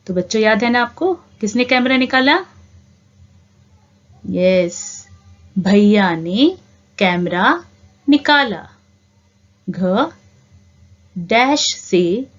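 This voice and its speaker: A woman teacher talks very slowly and patiently to small children. She stretches her words, asks questions and answers them herself. Her mid-pitched voice comes through a dull, lo-fi home recording. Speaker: primary school teacher. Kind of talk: slow Hindi lesson for young children.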